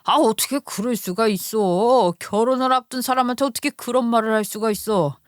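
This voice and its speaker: A woman voicing an angry husband who yells and accuses in a shameless way. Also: fairly high pitch, a little fast, no room sound, studio quality, close to an everyday voice. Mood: furious. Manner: yelling, accusing.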